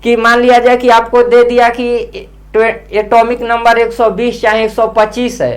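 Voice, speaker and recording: A woman chemistry teacher explaining in a casual classroom way, repeating memory tricks slowly and chanting them over. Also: a little high, flat delivery. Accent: Hindi-speaking Indian.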